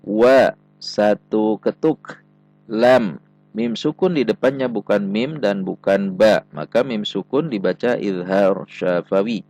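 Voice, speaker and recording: A man teaching Quran recitation, patiently explaining rules and slowly sounding out example syllables. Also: lowish voice, a little mellow, no echo. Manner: patient, methodical, drawn-out syllables when demonstrating. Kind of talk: tajwid lesson with slow recited examples.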